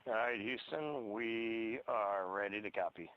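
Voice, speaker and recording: A man's voice: on the low side, a little slow. Man on a muffled spacecraft radio. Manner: terse readback of numbers. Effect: muffled air-to-ground radio link from a spacecraft. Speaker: astronaut. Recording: muffled radio with faint hiss.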